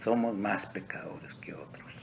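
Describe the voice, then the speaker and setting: A male pastor preaching a sermon in a church sanctuary, slow and deliberate, dropping to near-whispers and rising to emphatic peaks. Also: fairly low pitch. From Texas.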